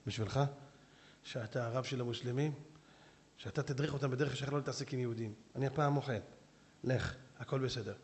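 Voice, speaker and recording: A man voicing a saintly old rabbi who answers quietly and firmly. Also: mid-range voice, pauses often, big-room sound, slight background noise, pitched below the performer's own voice, natural voice. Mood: calm stern.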